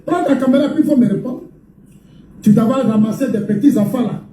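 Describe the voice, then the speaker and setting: A man in a recorded video, angrily accusing someone, shouting and scornful. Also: very high voice, fairly quick. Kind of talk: angry recorded video statement. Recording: echoey, far from mic, faint noise.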